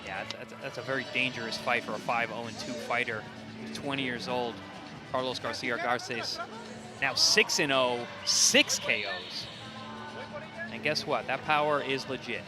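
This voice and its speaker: A man's voice: medium pitch, steady tone, fairly quick, music in the background. A man giving live boxing commentary as an analyst, stressing key phrases by repeating them.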